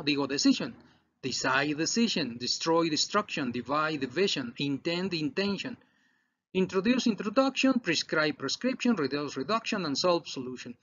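A man's voice: on the high side, fairly bright tone. Mexican man drilling English vocabulary. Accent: Mexican Spanish. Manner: drills word pairs, switching between English and Spanish. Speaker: English teacher. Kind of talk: recorded classroom lesson. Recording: dull lo-fi recording.

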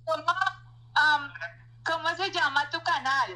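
Woman, language partner, casual phone chat, chatty, complimentary, high voice. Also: steady tone, bright, forceful tone. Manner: chatty and complimentary, quick questions.

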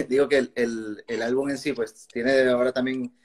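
A woman interviewer chatting casually with a guest, relaxed and giving many short backchannel replies. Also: extremely low pitch, moderate pace, slight background noise.

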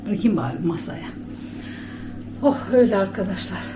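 A woman's voice: mid-range voice, big pitch swings, moderate pace, noisy background. A chatty woman with a Bulgarian Turkish accent, talking casually to her camera at home as she rambles and laughs often. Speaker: vlogger. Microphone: handheld camera.

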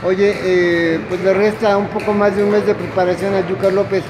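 A sports reporter speaks from off camera in a high voice for a man, asking brisk questions. Clear noise surrounds his voice in the recording. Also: level tone. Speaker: boxing news reporter. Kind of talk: interviewer questions.

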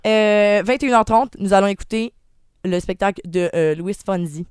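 A young woman with a Québécois French accent, co-hosting a radio show in playful, excited chat, joking and stammering through fillers. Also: mid-range voice, moderate pace, smooth, dry recording, studio quality. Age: young adult. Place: radio studio.

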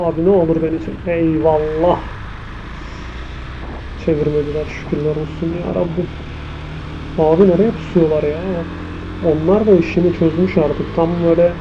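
Casually chatting as he rides, a male motorcycle vlogger with a fairly high pitch thinks aloud and comments on the traffic. Sound comes from a microphone inside his helmet, muffled and swamped by loud wind, engine and traffic noise.

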